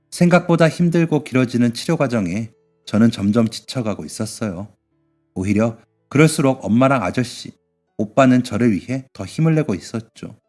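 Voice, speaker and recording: A man with an ordinary, mid-range voice reads a first-person story in a soft and emotional way. Quiet music plays faintly behind him. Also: mid-range voice.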